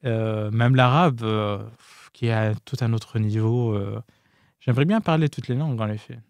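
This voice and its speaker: A man's voice: medium pitch, darkish tone, smooth, dry recording. Man with foreign-accented French, very dry sound. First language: not French. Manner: hesitant, pausing and rephrasing often as a second-language speaker. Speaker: podcast guest. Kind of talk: casual, candid interview talk.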